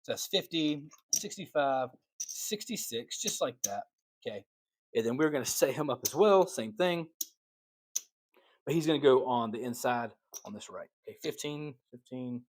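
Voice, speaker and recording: A man hosting a casino dice tutorial, calling rolls and paying bets aloud in an excitable, chatty way, at times out of breath. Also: medium pitch, normal speed. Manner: excitable, calls rolls like a dealer, chatty asides to viewers. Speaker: craps channel host demonstrating strategy. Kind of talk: casual table-game demonstration.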